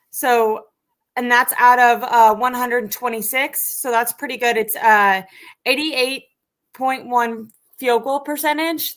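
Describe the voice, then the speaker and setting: Bright, kinda high woman doing a casual sports stream, lots of ums and likes. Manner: chatty, many fillers, reads stats aloud. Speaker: sports podcast host.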